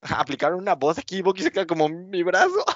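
His voice sits high, swoops wildly in pitch and has a fairly bright tone at normal speed. Co-hosting a podcast, this man rambles through a TV episode recap, filler-heavy, laughing as he acts out quotes, all in dull lo-fi sound.

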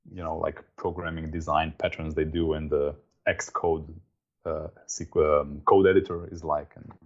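A man's voice: low voice, creaky, a little mellow, muffled recording. A middle-aged man from Slovenia with a Slovenian accent, chatting casually as an interview guest. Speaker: interview guest, software developer.

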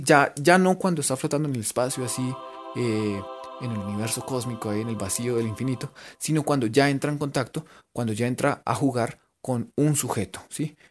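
Playful Colombian man teaching English. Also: a little high. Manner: playful, spells letters out and keeps checking in with listeners. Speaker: English teacher on local radio. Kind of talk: radio English lesson.

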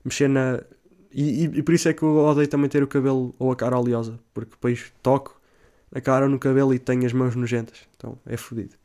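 A young man talks fast in a level tone as he tells a rambling, profanity-filled story in a European Portuguese accent. English slang slips in, and he reenacts his own cries with high-pitched shouting.

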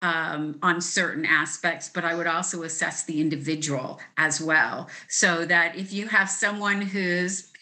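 A woman's voice: on the low side, steady tone, unhurried, hardly any pauses, sharp tone. A woman who teaches gifted students, explaining her ideas step by step as a guest in a conversational interview.

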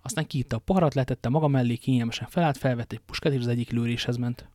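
A man reading an audiobook in an even, subdued narrating voice. His voice sits at a middle pitch and is recorded close and dry, with no room around it. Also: no room sound. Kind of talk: scripted narration.

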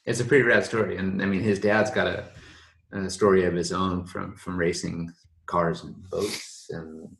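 American man, very deep voice, casual rambling host talk, roomy echo. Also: level tone, moderate pace, vocal fry, a bit bright, slight background noise. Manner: laid-back, rambling with restarts. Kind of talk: casual chat. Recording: echoey room.

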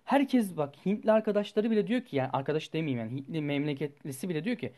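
A young man, a student, telling a personal story in a rambling, animated way and swearing freely. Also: a little high, quick pace. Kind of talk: casual storytelling vlog.

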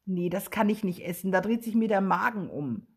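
A woman voicing a friendly young vampire boy who loves tomatoes, eager and sometimes sheepish, in a breathy voice for a children's story. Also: mid-range voice, animated, fairly quick, a little mellow. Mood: disgusted.

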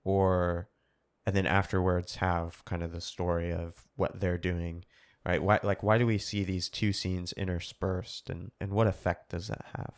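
A man with a very low voice and a gravelly, creaky edge, talking casually as a podcast co-host. He muses through his points and turns them into questions for the group. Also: level tone, measured pace. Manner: thinks aloud, poses questions to others. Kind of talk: casual book discussion.

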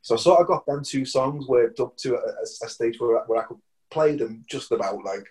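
A middle-aged man tells anecdotes in a relaxed interview chat. His delivery is lively and loose, with stumbles and restarts and quick laughter between phrases. His voice sits at an ordinary male pitch. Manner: animated, repeats words, laughs often. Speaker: musician guest. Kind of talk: casual anecdotal storytelling.

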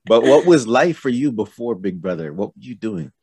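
A man's voice: medium pitch, big pitch swings, normal speed, dark tone, husky, dry recording. A man hosting a podcast, asking easygoing, curious questions in a casual interview. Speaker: podcast host.

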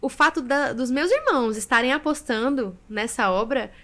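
Expressive woman telling her story. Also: high voice, moderate pace. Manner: expressive storyteller, often adds "né". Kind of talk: casual podcast interview storytelling.

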